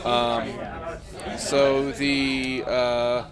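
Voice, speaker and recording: A man's voice: mid-range voice, flat delivery, extremely slow, crowd noise. A man narrating a tabletop game as game master, in a hesitant, self-correcting way.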